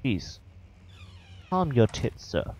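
A man's voice: medium pitch, very animated, slow, a little mellow, a little hiss or hum. A man with an accent commentating his own horror game play, swearing and joking as he talks to the game. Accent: non-standard, says he has an accent. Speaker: gameplay commentator.

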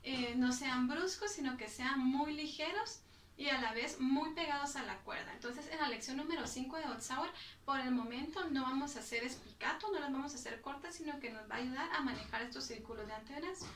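A woman's voice: high-pitched, fairly quick, fairly bright tone, a little hiss or hum. A woman music teacher patiently explaining bowing technique, counting out the strokes as she goes. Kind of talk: instructional explanation. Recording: roomy, from a distance.

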